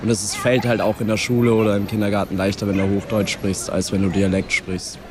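A young man from Vienna giving casual, relaxed answers while sitting on a park bench. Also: lowish voice, brisk. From Vienna, Austria. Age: young adult. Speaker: interviewee. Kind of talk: casual vox pop answer. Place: park bench outdoors in a city. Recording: outdoor street noise.

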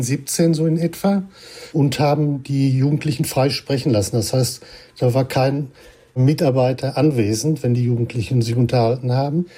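A man who researches language, explaining his findings in an interview and now and then pausing on a filler. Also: mid-range voice, warm tone, slightly rough. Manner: explanatory, with some hesitant fillers. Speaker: linguistics researcher. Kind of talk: interview answers.

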